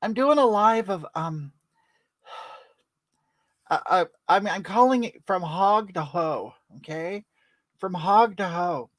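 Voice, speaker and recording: The voice is mid-range, expressive and a bit bright, unhurried with frequent pauses and no room sound. It belongs to a performer doing a comedic bit as a brash older woman who chats on a makeup livestream and greets viewers by name.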